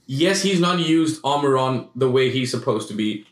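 A man's voice: medium pitch, animated, moderate pace. A man co-hosting a casual sports podcast, teasing and sarcastic. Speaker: podcast co-host. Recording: echoey room.

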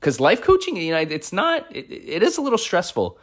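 With a high, fairly bright voice whose pitch swoops wildly, an American man in his thirties talks at a moderate pace. He's a life coach riffing an unplanned motivational podcast monologue, repeating phrases for emphasis.

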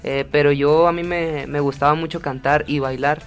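Rambling teenage singer from Sonora. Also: male voice, fairly high pitch, normal speed, clear, resonant tone, soft background music. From Ciudad Obregón, Sonora, Mexico. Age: teens. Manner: relaxed, rambling, casual. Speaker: guest singer.

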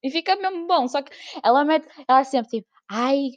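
A woman's voice: high voice, expressive, fairly quick, no echo, lo-fi sound. A young woman with a European Portuguese accent, chatting casually on her own podcast, laughing often and acting out her family's voices. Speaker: podcast host. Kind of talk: casual solo chat.

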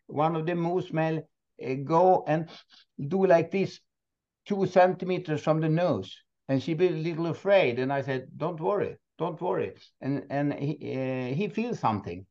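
A Swedish man who owns a moose park, speaking halting, non-native English with many restarts and frequent laughs in a casual interview. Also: a little high, mellow, lo-fi sound. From Sweden. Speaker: moose park owner, guest.

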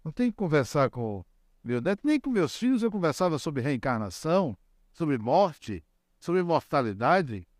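An older man giving a religious lecture, speaking deliberately and repeating key words for emphasis. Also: fairly high pitch, big pitch swings, darkish tone, no echo, clean studio sound. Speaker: spiritist lecturer.

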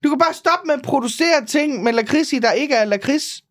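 A woman's voice: high voice, lively intonation, no echo, studio quality. A woman with a North Jutlandic Danish accent, co-hosting a podcast in casual chat and protesting her opinions emphatically. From North Jutland, Denmark. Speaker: podcast co-host.

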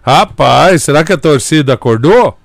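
A fairly high-voiced Brazilian man chats about sport on a radio show in a close, dry studio sound. He is blustering and colloquial, often saying things twice. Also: expressive, normal speed, creaky, no room sound. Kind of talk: bantering sports radio chat.

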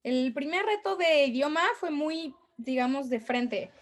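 A woman's voice: high voice, expressive, a little slow. A Mexican woman talking as a guest on a podcast, in a chatty way with many fillers and restarts. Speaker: guest, tour guide. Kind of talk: casual podcast conversation.

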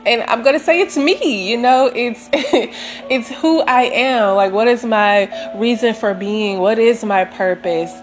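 A woman chatting casually and unscripted to viewers in a reflective, meandering, gently self-affirming way, as a vlogger does. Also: on the high side, measured pace. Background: soft sentimental music.

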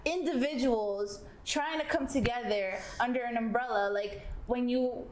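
A woman's voice: a little high, measured pace. A woman with Colombian roots in a casual group discussion, talking animatedly and acting out the questions she gets asked. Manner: animated, acts out questions in quotes. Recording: echoey room with faint background noise.

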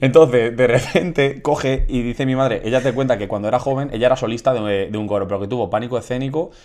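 A man from Spain, co-hosting a casual comedy podcast and telling a story with lively quoted voices. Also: mid-range voice, quick pace. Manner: animated, acts out quotes of others. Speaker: podcast co-host.

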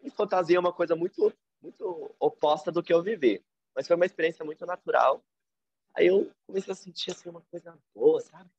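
A man with a Brazilian Portuguese accent, a podcast guest telling a personal story in a reflective, animated way. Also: a little fast, breathy edge, no room sound, muffled recording. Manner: animated, reflective storyteller with big pitch swings.

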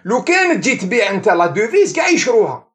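A man's voice: high-pitched, fast. An Algerian man, an economics professor, explaining things as the guest of an interview, mixing in French and English words. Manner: animated, mixes French and English terms.

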